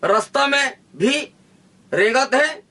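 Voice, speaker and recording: A man with a Chhattisgarhi accent giving a forceful interview answer, declaiming in rallying repeated lines. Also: very high-pitched, expressive, takes it slowly, far from the mic. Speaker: interviewee, activist leader. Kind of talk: fiery political speech.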